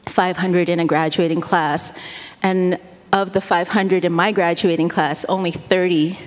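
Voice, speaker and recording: In casual interview talk, a guest speaker rambles self-deprecatingly, dropping many fillers. She's a US-born, middle-aged woman whose first language is Korean, and her lowish voice stays steady and unhurried. Long hall reverb colors the sound.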